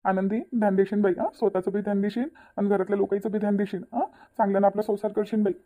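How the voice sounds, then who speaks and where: A woman voicing a gentle, reassuring middle-aged village father in a cartoon, speaking in soothing, drawn-out speech. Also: medium pitch, little pitch movement, close to an everyday voice. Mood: comforting. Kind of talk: cartoon voice acting.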